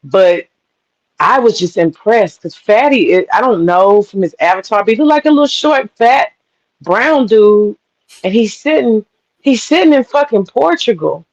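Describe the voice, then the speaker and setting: A woman's voice: medium pitch, normal speed. Emphatic woman on a dull lo-fi call. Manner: emphatic, animated storytelling. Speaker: panel guest. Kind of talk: casual live-stream chat.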